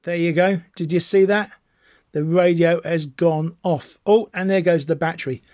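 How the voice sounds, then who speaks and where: A British amateur radio enthusiast gives an informal, chatty gadget demo to camera, rambling with hobbyist enthusiasm. His voice is fairly high and steady with a darkish tone at normal speed, and the recording is dry and lo-fi.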